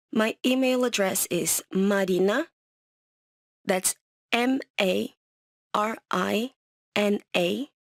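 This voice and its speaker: Polite businesswoman leaving a voicemail, talks real slow, spells stuff out, dry close sound. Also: medium pitch, dry recording. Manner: slow, careful dictation, spelling letters out. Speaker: caller leaving a message. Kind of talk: leaving a voicemail, scripted listening exercise.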